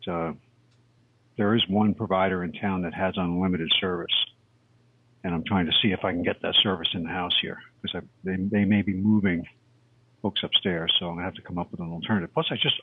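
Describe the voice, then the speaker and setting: Deep husky man over a tinny call. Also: fast. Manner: rambling, correcting himself mid-sentence. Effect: heard over a tinny internet call. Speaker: call-in guest. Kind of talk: casual chat. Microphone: headset on a video-call app. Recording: tinny phone-like call audio.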